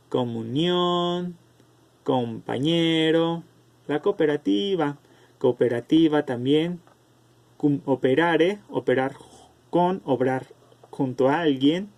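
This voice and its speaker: A man teaching an online class over a video call, explaining slowly and calling on students by name. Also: on the high side, darkish tone.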